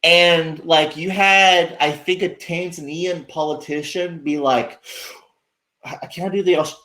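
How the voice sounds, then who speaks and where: A slightly high-voiced man rants sarcastically on a livestream, cursing as he goes. He rambles, restarts his sentences and talks straight to his viewers. His voice rings around a roomy, echoing space. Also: steady tone, a little slow, sharp tone. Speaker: livestream host. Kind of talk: casual livestream rant.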